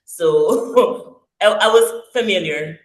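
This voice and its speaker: Speaking in a mid-range voice, a guest in her forties who came from Congo-Kinshasa and grew up in France recounts her story in a relaxed interview. She hesitates often, restarting sentences and filling gaps with soft ums, while the room adds a noticeable echo.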